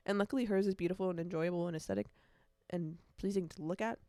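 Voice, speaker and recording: A nineteen-year-old woman hosts a solo podcast, chatting casually, rambling, and correcting herself as she goes. She uses youthful slang and repeats things for emphasis. Her voice is on the low side, fast, and warm in tone.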